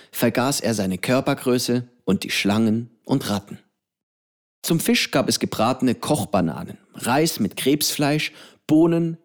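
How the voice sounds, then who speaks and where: A male audiobook narrator telling a story at a calm, even pace. His voice sits at a middle pitch and stays steady throughout. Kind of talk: audiobook reading.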